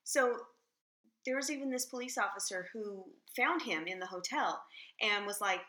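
A woman co-hosting a podcast, relaxed as she recounts the details of a case in casual chat. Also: mid-range voice, normal speed. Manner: relaxed storyteller, reads out search results. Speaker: podcast co-host.

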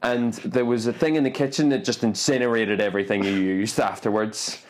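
A man co-hosting a podcast, chatting casually and teasing his friend with playful, drawn-out remarks. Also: lowish voice, steady tone. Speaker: podcast co-host. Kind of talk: casual banter.

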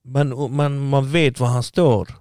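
A man's voice: mid-range voice, fairly even intonation, darkish tone, no room sound, clean studio sound. A man, the guest, telling a long story casually and acting out what people said to him.

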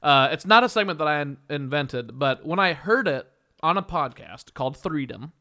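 A man's voice: on the high side, animated, moderate pace, pushed and bright. A man hosting a comedy podcast, chatting casually and rambling while explaining a game. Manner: rambling, restarts, laughs often. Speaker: podcast host.

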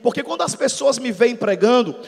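A man in his thirties, a pastor, preaching a dramatic testimony sermon that swings from soft storytelling to shouts. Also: very high-pitched, lively intonation, brisk, creaky, slightly rough, long reverb tail. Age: 30s. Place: church hall.

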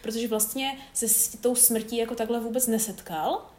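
A woman's voice: fairly high pitch, steady tone, darkish tone, roomy sound. A woman in casual conversation, thinking aloud with many fillers. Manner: thoughtful, musing, many fillers. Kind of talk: casual chat.

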